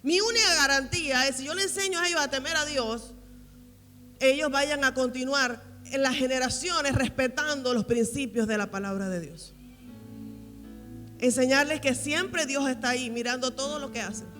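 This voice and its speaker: A woman's voice: high-pitched, moderate pace, pushed and bright. A woman pastor preaching at a women's conference. She is emphatic and repeats key phrases for weight. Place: large church hall. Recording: reverberant hall with faint music.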